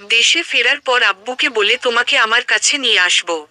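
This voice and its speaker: A woman's voice: on the high side, animated, moderate pace, sharp tone, no echo. A woman voicing an affectionate, teasing young man talking to his fiancée on the phone in an audio story. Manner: playful, teasing.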